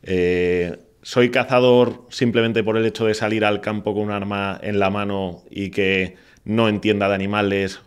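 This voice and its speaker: A man in his forties with a low voice and a Castilian Spanish accent hosts a podcast conversation. He speaks in a measured, argumentative flow, posing questions to himself, recorded close on a studio microphone. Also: level tone, smooth. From Spain. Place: small indoor podcast studio. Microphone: close boom-arm studio microphone.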